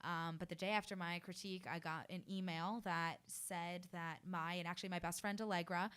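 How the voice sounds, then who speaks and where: A woman's voice: fairly low pitch, fairly bright tone, clear, resonant tone. A young woman in her early twenties from New Jersey, a fashion student telling her story in a radio interview, earnest and effusive with many fillers. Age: early 20s. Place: radio studio.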